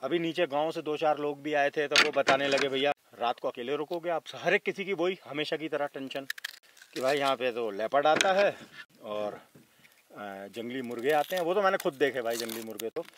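A man in his thirties chats casually to his viewers while cooking at an outdoor camp at night, calling them brother now and then. His voice sits at an ordinary, middle pitch. The open-air recording from a camera a few metres away carries a faint hiss and occasional clicks. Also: normal speed. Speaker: vlogger. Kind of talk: casual solo camping vlog. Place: outdoors at night beside a tractor caravan on a hilltop.

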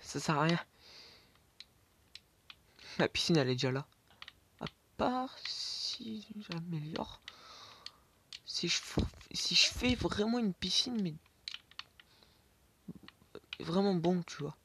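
A man's voice: high voice, lively intonation, measured pace, long pauses, sharp tone, a little hiss or hum. A man narrating his Minecraft game, talking to himself, swearing and sometimes dropping to a whisper. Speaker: gaming YouTuber. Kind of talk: Minecraft let's play commentary. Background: keyboard and mouse clicks.

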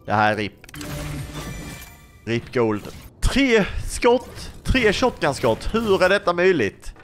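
A man's voice: high voice, wildly swooping pitch, fairly bright tone, soft background music. A young man giving casual gameplay commentary as a YouTuber, chatty and playful, often asking his viewers questions. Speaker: gaming YouTuber.

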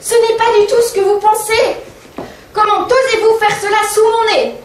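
A woman's voice: very high-pitched, lively intonation, measured pace, a little mellow, slight background noise. A woman voicing a prim, polite female giraffe with a mannered voice, heard from afar in an echoey room. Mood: flustered. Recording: echoey stage sound from far off.

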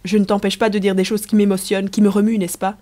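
A woman voicing a soft-hearted, doubtful young emperor who speaks in a mild, questioning way. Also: medium pitch, level tone, fast talker, natural voice.

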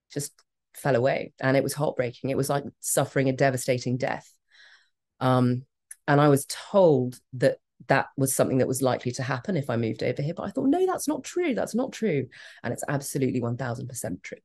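A very deep, darkish voice belongs to this middle-aged interview guest, a woman from Australia who has a British accent. She speaks frankly and with emphasis, laughing easily in a candid, conversational exchange.

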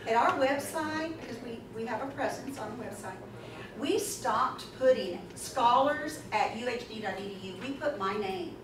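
Her voice a little high and her pace moderate, a woman gives a conference presentation, emphatic and chatty, animated, with asides, taking questions from the seated audience. The sound comes from a distant camera among the listeners, making it echoey and noisy.

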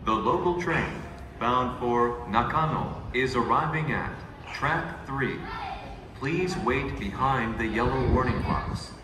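A man's recorded station announcement, built from spliced-together phrases and played over platform loudspeakers in a formal, even delivery. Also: medium pitch, takes it slowly. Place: underground subway platform. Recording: echoey loudspeaker from far off, loud noise.

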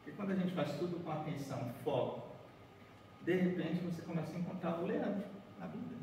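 A man's voice: on the high side, a little fast, a little mellow, slight background noise. A man in his forties giving an origami talk to a group in a large conference room. He is chatty and keeps checking in with his listeners as he walks and folds paper. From Bahia, Brazil. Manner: chatty, keeps asking "né?" and "certo?", walking and folding paper. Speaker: origami speaker. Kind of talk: workshop talk to a seated group. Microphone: far room camera, no mic seen. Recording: echoey hall heard from far off.

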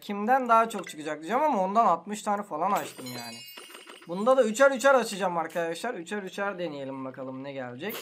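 A man's voice: high voice, a bit bright, slight background noise. A man hosting a gaming channel, giving casual gameplay commentary in an exasperated, complaining, slangy way.

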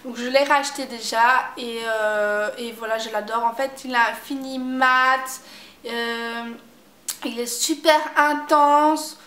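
A woman chatting casually about makeup she has used up, repeating herself and filling pauses often. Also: on the high side, steady tone, fairly bright tone, roomy sound. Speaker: beauty vlogger. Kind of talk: casual product review chat.

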